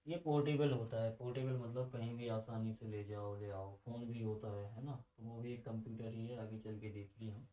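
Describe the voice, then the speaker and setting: A man's voice: lowish voice, flat delivery, normal speed, hardly any pauses, echoey room, distant mic, dull audio. A man teaching a computer lesson in a casual, chatty way, asking his students questions and drifting into side stories.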